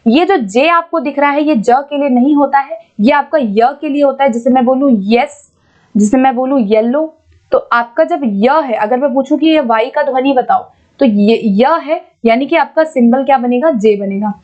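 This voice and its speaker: A woman teaching an exam-prep lesson, patiently explaining and reading English questions out slowly. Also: high voice, a little mellow, highs cut off. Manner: explains patiently, repeats points, keeps checking with "ठीक है".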